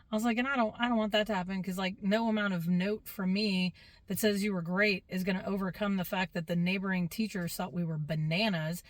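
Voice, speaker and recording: A middle-aged woman, a substitute teacher, telling a story in a casual, animated way and acting out the kids and herself. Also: mid-range voice, dry recording. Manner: animated, quotes herself and kids in lively voices.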